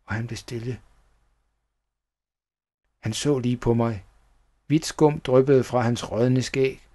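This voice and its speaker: Man reading a scary storybook. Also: mid-range voice. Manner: steady first-person storybook narration. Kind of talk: reading a children's horror story aloud.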